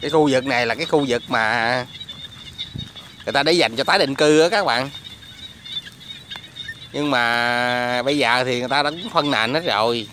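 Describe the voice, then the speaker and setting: A bright, crisp-voiced man talking casually to his viewers as he films outdoors on a phone. He keeps asking if they can hear and see things. Faint rain and frog croaks sit behind him. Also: medium pitch, moderate pace, long pauses, slight background noise. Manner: chatty, addresses viewers constantly. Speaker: vlogger. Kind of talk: casual outdoor vlog commentary. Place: outdoors in rain at a quiet resettlement area. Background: rain and frogs croaking.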